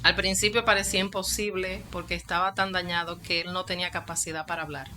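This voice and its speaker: A woman's voice: lowish voice, little pitch movement, fast talker, sharp tone. A woman with a Dominican accent, a pastor and psychologist, giving her testimony in an interview and acting out the dialogue she quotes. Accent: Dominican Spanish. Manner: storytelling that acts out quoted dialogue.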